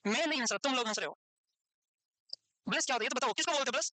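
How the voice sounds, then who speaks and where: A man teaches a nursing class in a high, quick voice. He keeps drifting into teasing stories and banter with his students. The sound is dry and close. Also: sharp tone, no room sound. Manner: teasing, chatty storyteller. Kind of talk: classroom lecture with joking asides.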